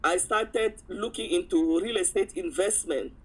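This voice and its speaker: Telling a personal story as an interview guest, this woman animates it by acting out quotes and chuckling often, all in a casual manner. She speaks a little slowly in a fairly low voice with a breathy edge.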